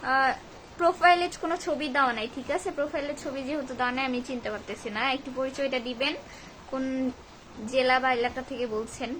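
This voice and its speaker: A woman's voice: high-pitched, fairly even intonation, fast talker, a bit bright, slight background noise, rough recording. A woman chats informally on a live stream, reading out viewers' comments and answering them with casual grumbling. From Bogura district, Bangladesh. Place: at home during a storm and power cut.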